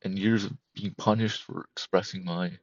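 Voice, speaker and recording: A man in his thirties, a podcast guest, talking candidly and emotionally in a halting, repetitive way that keeps circling back. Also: sits low, steady tone, no echo, highs cut off. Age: 30s. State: emotional, close to breaking. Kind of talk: candid personal conversation.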